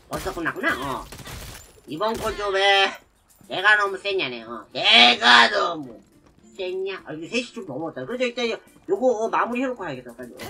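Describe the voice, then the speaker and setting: A man streaming a game live, talking himself through each move and yelling at enemies, with many filler sounds. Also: sits high. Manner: talks to himself while playing, shouts at enemies; frequent filler sounds between actions. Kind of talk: live gameplay commentary.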